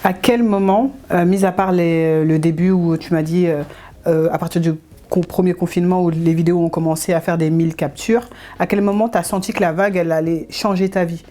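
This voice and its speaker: A woman's voice: on the low side, fairly even intonation, a little fast, mellow. A woman hosting an interview, asking long, winding questions. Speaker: interviewer, host.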